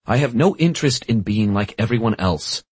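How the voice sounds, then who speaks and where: A man's voice: fairly low pitch, lively intonation, fairly quick, husky, no echo. A man voicing a stubborn young gamer who grumbles and jokes dryly. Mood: grumbling. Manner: dry, grumbling.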